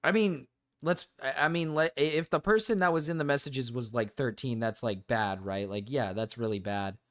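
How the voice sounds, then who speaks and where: A young man giving casual reaction commentary as a streamer, halting and repeating himself as he goes. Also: mid-range voice, fairly bright tone.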